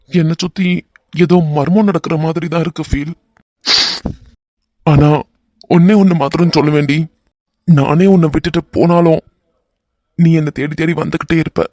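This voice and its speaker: A man voicing a young husband in an animated romance, earnest and bantering in a Kanyakumari Tamil accent. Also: on the high side, dry recording, clean studio sound.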